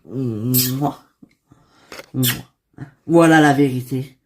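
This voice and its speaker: A woman's voice: rumbling low, extremely slow, a little mellow, slight background noise, heavily acted. A woman voicing a young man who hesitantly confesses his love, in a toy-figure soap drama. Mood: confessing. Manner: hesitant, full of fillers.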